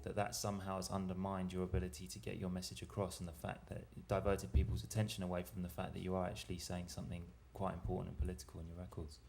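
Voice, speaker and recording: A male interviewer asks long, winding questions in a low, gravelly voice. His delivery stays flat and even, and a faint ambient hiss sits behind him.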